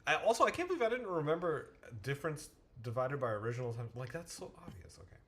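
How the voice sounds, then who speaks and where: Brief: man streaming, thinking aloud, lots of restarts, pitch jumps around freely. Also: very animated, a bit bright. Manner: halting, frequent restarts and self-corrections; muttering to himself while waiting on the screen. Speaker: math tutor and streamer. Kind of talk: casual livestream talk, thinking aloud.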